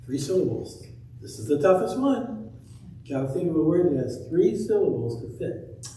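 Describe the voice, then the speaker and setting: A man's voice: on the high side, big pitch swings, normal speed, dark tone, a little hiss or hum. A man reading a rhyming story to children in a church, coaxing them to fill in the rhyming words in a playful way. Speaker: children's talk leader. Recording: echoey church from a distant mic.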